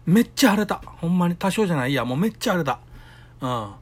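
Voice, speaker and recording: Husky Kansai man telling stories. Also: high voice, animated, fast. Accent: Kansai Japanese. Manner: chatty storytelling, acts out quoted voices. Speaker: solo podcaster. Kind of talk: casual solo talk.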